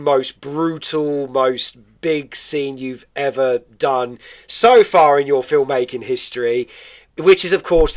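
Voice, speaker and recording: A British man hosting a radio interview show, chatty and enthusiastic, often laughing. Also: mid-range voice.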